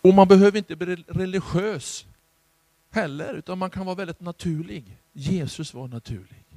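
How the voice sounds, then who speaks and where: Swedish male pastor, charismatic sermon, high-pitched, dry close sound, hushed asides rising to loud exhortation. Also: no room sound.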